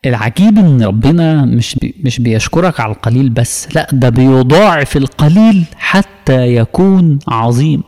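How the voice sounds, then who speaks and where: A man's voice: mid-range voice, a little mellow, big-room sound. A man with an Egyptian Arabic accent teaching a religious lesson, emphatic and full of rhetorical questions. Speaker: preacher teaching a creed course.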